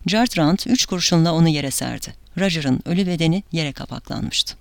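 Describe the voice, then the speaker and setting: A woman narrating an audiobook with a dramatic, measured delivery. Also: sits low, vocal fry, dry recording, studio quality.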